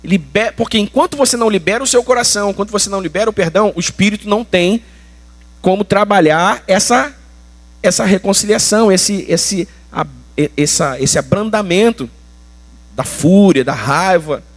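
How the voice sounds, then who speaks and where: A man's voice: high voice, normal speed. A Brazilian man preaching a sermon as pastor, colloquial and emphatic, with slangy asides. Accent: Brazilian Portuguese.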